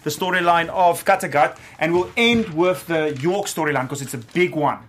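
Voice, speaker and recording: A man hosting a casual studio panel chat, upbeat and quick. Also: fairly high pitch, a bit bright, slight background noise. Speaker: host.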